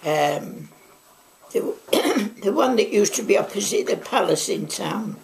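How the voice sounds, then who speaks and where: A gravelly, mid-range woman's voice, slow and expressive, with crowd noise behind her. She's a Mancunian in her nineties from Manchester, chatting through wartime memories for an oral history interview in her living room, rambling off into frequent asides.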